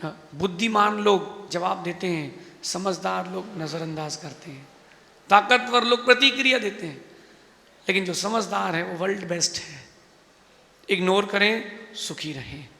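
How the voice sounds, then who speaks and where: High, bright-voiced monk preaching in a hall. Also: male voice, unhurried, creaky. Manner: emphatic, rhetorical, preachy. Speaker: Jain monk. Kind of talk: sermon. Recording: echoey hall.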